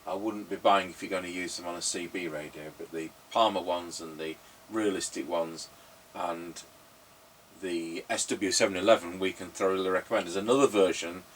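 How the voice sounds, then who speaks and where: In a noisy recording from a distant microphone, a middle-aged radio repairer and presenter talks at normal speed in a low, steady voice. His radio test commentary wanders casually from one anecdote to the next.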